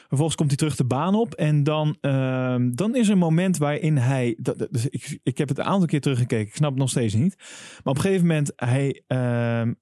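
A man co-hosting a casual motorsport chat, chatty and quick to laugh, with plenty of fillers. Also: on the high side, mellow, no echo, studio quality. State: frog in his throat, clears throat. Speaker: podcast co-host.

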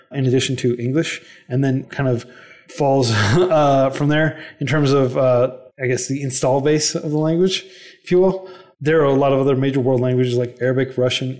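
A man speaking as a podcast guest in a casual interview. His voice sits at a middle pitch, and he explains in an earnest way. He speeds up in quick bursts and uses plenty of fillers. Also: a little mellow. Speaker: podcast guest, non-profit founder.

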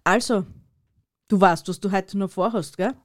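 A woman's voice: mid-range voice, moderate pace. A woman co-hosting a casual comedy podcast, playful and teasing, laughing a lot. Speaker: podcast co-host.

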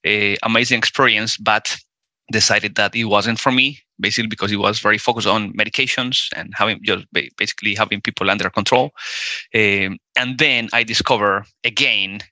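A man's voice: on the low side, fairly even intonation, a little fast, pushed and bright, no room sound. A man in his forties from Colombia with a Colombian Spanish accent, a Spanish native speaker talking as a guest in an interview, hesitant, with many fillers and restarts. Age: 40s. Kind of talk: casual interview conversation.

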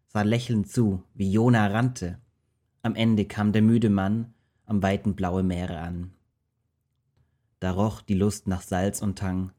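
A man reading a rhymed children's Bible story aloud with a steady, rhythmic verse delivery. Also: fairly low pitch.

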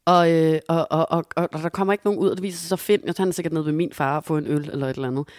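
A woman's voice: deep voice, no echo, clean studio sound. A young woman co-hosting a podcast, telling a story in a casual chat and acting out the quotes. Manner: animated storytelling, acts out quotes. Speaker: podcast co-host.

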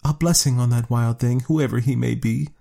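A man voicing a busy, proud woman of the cave in a storybook reading, raising his pitch for her. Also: steady tone, moderate pace, creaky, mellow. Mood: stern.

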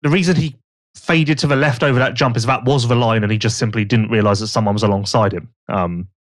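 Talking fast in a medium-pitched voice, a male podcast host chats casually and shares gossip through animated storytelling, complete with put-on voices for quotes.

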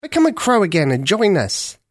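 A man's voice: sits high, wildly swooping pitch, brisk, dry recording, pitched above the performer's own voice, exaggerated voice. A boisterous old storybook crow, the bossy senior of the flock, coaxing and eager, as a man reading aloud puts him on. His voice leaps up and down and sits raised above the storyteller's own. The recording is dry and close.

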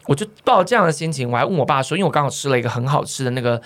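A man, co-hosting a podcast and telling family stories in a casual, animated way. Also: medium pitch, very fast. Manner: animated, laughs often while telling stories. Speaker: podcast co-host. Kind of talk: casual storytelling chat.

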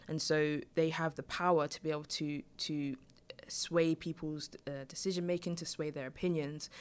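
A woman of twenty-six, a podcast guest, talking through her views with frequent restarts and hesitations. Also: sits low. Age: 20s. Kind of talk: panel discussion.

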